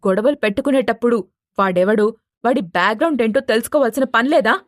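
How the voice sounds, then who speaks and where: A woman voicing a furious older man, a city mayor who scolds and shouts at his son. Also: a little high, fast, no room sound, clean studio sound, natural voice.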